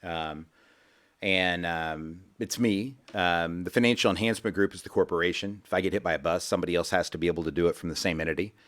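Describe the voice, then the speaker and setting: Fast-talking and low-voiced with a slightly bright tone, a man runs a financial radio show in the studio. His folksy, meandering patter repeats itself and carries a sales pitch inside the casual talk.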